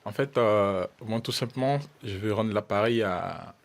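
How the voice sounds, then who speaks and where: A man's voice: on the low side, unhurried, gravelly. A young man from Côte d'Ivoire, a doctoral student, speaking earnestly as a radio guest with some hesitation. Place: radio studio.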